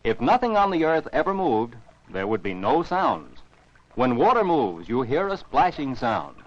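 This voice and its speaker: An American man narrates a 1949 educational science film for children, reading a script with didactic, careful enunciation. His medium-pitched voice is very animated yet measured in pace. The dull, dry soundtrack carries slight background noise.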